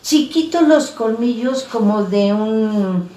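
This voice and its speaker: A woman's voice: a little high, lively intonation, takes it slowly, mellow. A woman telling a scary story in a casual, chatty way, full of little fillers. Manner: conversational, many fillers like "pues" and "¿no?". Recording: echoey room, voice a bit far from mic.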